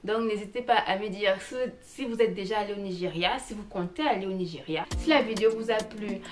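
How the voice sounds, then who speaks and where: A woman vlogger talks to her viewers in a casual, chatty way. Her voice sits at a middle pitch and she keeps an animated, personal tone. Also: a little fast, soft background music. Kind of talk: casual travel vlog.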